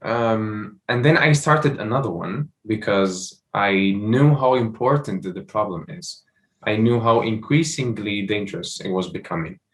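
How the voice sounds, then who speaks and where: A man's voice: fairly low pitch, unhurried. A young man from Morocco, a startup founder, answering interview questions with many fillers and restarts.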